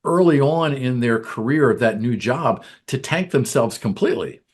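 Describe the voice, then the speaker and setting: Measured man explaining on a podcast. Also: medium pitch, lively intonation, slightly rough. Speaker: podcast co-host, business coach. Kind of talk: casual podcast chat.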